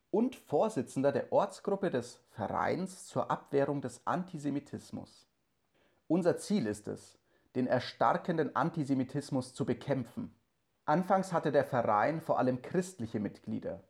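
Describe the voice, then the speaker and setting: A man's voice: medium pitch, creaky. A man reading as an earnest 1920s teacher and cantor. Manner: calm, measured reading. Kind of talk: scripted first-person narration.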